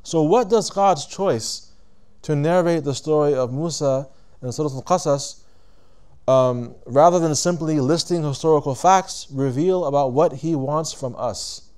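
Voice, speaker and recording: A man's voice: a little high, a little mellow, clear, resonant tone. Man giving a conversational religious lecture. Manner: conversational, poses questions to listeners; deliberate, stops to rephrase. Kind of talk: reflective Islamic lecture to a live audience. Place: lecture room with audience.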